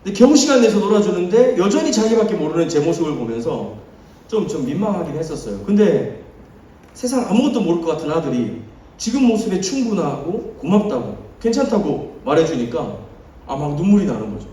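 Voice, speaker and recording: A man in his thirties preaches to a youth group, his voice ranging widely from hushed asides to loud emphasis. His tone is mellow and dark, and the sound comes from off-mic in an echoey church hall. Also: fairly high pitch, big pitch swings, a little fast, far from the mic, slight background noise. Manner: storytelling with acted quotes, swinging from soft to loud. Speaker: youth pastor. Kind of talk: sermon.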